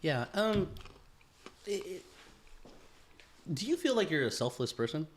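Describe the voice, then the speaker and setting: A podcast host in his thirties talks in a slightly high, sing-song voice at a somewhat slow pace, with slight background noise. In casual chat he's easygoing yet probing, swearing now and then. He uses many fillers and often restarts his sentences.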